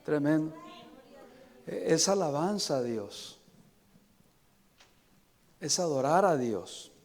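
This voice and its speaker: A man delivers a sermon from the pulpit, pressing his listeners with emphatic calls and then sinking into hushed prayer. He speaks slowly and deliberately in a somewhat high voice. A long church reverb trails after every phrase. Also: sing-song. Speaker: pastor. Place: church sanctuary.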